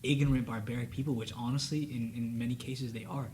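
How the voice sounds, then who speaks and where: In a casual student discussion, a young adult male panelist whose native language is Spanish speaks fast, earnestly, and thoughtfully, filling his talk with fillers. His mid-range voice is fairly even in intonation and a bit mellow, over slight background noise.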